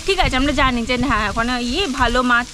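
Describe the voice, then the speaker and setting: A woman's voice: on the high side, expressive, very fast, pushed and bright. A woman with a Bengali accent chatting casually as a travel vlog co-host. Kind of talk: casual chat. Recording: clear background noise.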